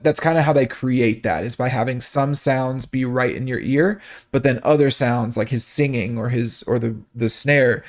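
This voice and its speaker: A man hosting a song breakdown, casually explaining the mix, thinking aloud with fillers and restarts, and humming sounds to show them. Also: medium pitch. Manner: hums sounds to illustrate. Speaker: music breakdown host.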